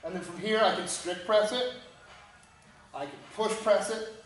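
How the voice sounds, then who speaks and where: A strength coach demonstrates a lift in a gym, guiding the steps with short cues. His voice is high-pitched at a moderate pace. The recording is rough, with an echoey room and some hiss or hum.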